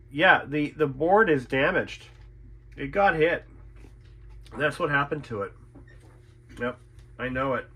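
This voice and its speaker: This radio repair technician and channel host inspects his work and talks unscripted, musing aloud, repeating things, and swearing a little. His voice is fairly high, bright, forceful, and husky.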